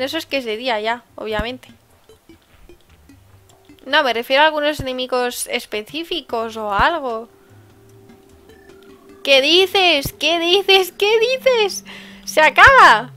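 A high, bright woman's voice with a Spain Spanish accent, commenting on gameplay in a chatty, excitable way. Faint game music plays behind her. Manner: chatty and excitable, with sudden exclamations. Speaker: let's-play host.

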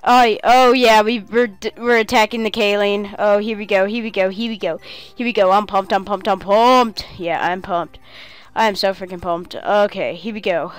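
A woman commentating her own game play, excitable and talking to herself, with cheering outbursts. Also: mid-range voice, moderate pace, clear, resonant tone. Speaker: gamer playing a game on video.

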